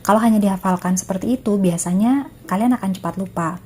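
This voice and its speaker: A woman lecturer with an Indonesian accent giving a recorded class lesson, pausing often with fillers as she explains English terms. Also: medium pitch, a little mellow, a little hiss or hum. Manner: mixes teaching English terms with explanations, many filler pauses.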